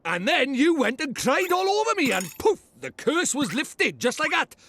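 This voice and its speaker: Brash little Welsh fairy lord, fantasy game: very high, cheeky, blustering, highly animated delivery. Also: male voice, normal speed, heavily acted. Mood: brisk explaining. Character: brash, chatty, self-important little fairy lord, male.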